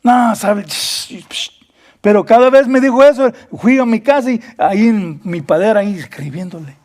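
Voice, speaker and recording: A man's voice: sits high, normal speed, a little mellow. A man preaching a Bible study sermon as pastor, earnest, repeating words and acting out quoted dialogue, slipping between Spanish and English.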